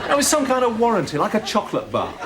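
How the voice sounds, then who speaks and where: An actor playing a wry hospital anaesthetist, musing in dry, joking asides. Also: male voice, sits high, huge pitch swings, fast talker, heavy background noise. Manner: dry, storytelling humour, musing.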